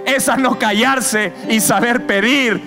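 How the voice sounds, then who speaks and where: A man's voice: very high-pitched, slow. A man preaching a sermon as guest preacher, with impassioned, repetitive exhortation. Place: church service. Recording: guitar music behind.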